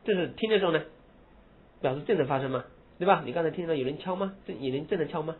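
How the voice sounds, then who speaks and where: A man teaching English grammar, explaining in Mandarin and reading English example phrases slowly and with emphasis. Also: on the high side. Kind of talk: lecture. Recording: husky lo-fi phone-like recording.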